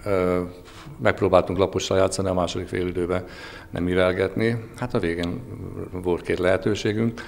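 A man in his sixties, a coach answering haltingly in a post-match interview. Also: low-pitched, fairly even intonation, vocal fry, a little hiss or hum. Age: 60s. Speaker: football coach being interviewed. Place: indoors, in front of sponsor backdrop. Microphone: handheld interview microphone.

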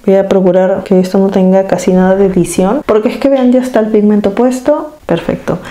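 A woman's voice: mid-range voice, mellow. A woman vlogging from home, casually talking viewers through applying eyeshadow and pointing out what she is doing step by step. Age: adult. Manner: chatty, demonstrative, addresses viewers directly. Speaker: beauty vlogger. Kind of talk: casual makeup tutorial.

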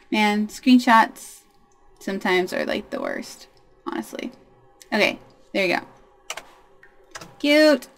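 A woman's voice: mid-range voice, huge pitch swings, slow, vocal fry, pauses often. A young woman hosting a life-sim let's play, chatting casually and talking to her game characters in a bubbly way. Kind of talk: casual gameplay commentary.

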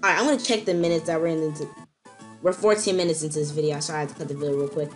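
A young woman commentating her own gameplay, ranting in exasperation and jumping up to squealing high notes. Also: very fast, faint music behind. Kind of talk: let's-play commentary.

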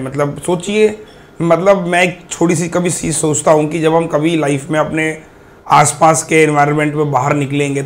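A young man teaches an online maths class for exam prep. His voice sits a little high, and he talks in a chatty, coaxing way, often counting items aloud as he goes. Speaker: maths teacher for bank exams.

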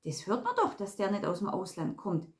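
A woman's voice: mid-range voice, wildly swooping pitch, brisk. A woman putting on a stubborn old Swabian lady. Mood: sheepish. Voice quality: mumbling, dialect-heavy.

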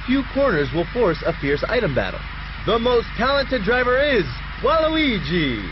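Very animated at a normal speed, a man plays an excited kart-game race broadcaster, building hype on each course name with swinging pitch. The mood is hyped, and the game audio is dull with noise.

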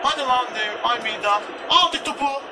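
A young man commentating his football video game, shouting and swearing in frustration at his players. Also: very high-pitched, normal speed, recorded from a distance, heavy background noise. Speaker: gamer. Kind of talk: excited gameplay commentary.

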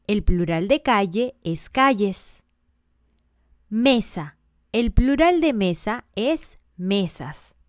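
Slow, clear-voiced woman teaching grammar. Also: mid-range voice, darkish tone, no room sound, studio quality. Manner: deliberate, spells out letters and lists examples one by one. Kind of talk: slow scripted grammar lesson.

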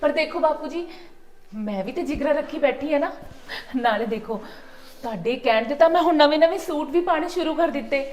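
A woman's voice: high voice, animated, brisk, darkish tone. A young woman playing a devoted daughter-in-law in a village short film, pleading tearfully. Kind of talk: rural family drama acting. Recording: echoey room.

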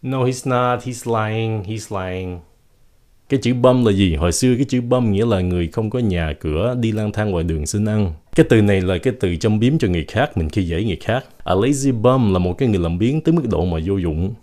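Guy teaching english slang, kinda low voice, lively, says each word slow and careful. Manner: lively, spells out English sounds slowly. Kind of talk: language lesson.

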